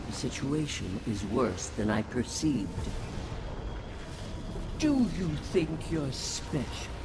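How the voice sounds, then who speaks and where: An actor playing a calm, menacing male villain in a video game, speaking coldly and with scorn. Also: on the high side, noisy background. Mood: scornful.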